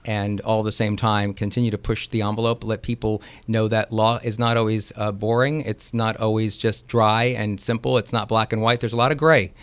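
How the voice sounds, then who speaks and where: A man's voice: on the low side, little pitch movement, normal speed, hardly any pauses, clean tone, no echo. A man, an attorney, chatting casually in a radio interview, rambling with frequent ums and laughs.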